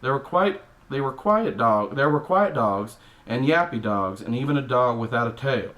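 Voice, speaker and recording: In a mid-range, fairly bright voice with lively intonation, a man reads a picture book at a moderate pace, pitching himself below his natural register but staying close to everyday speech. He's playing a cranky middle-aged Texan dad with a Texan accent, breaking into blunt, exasperated, mildly profane asides. It's a comic storybook reading full of grumbling and exasperation.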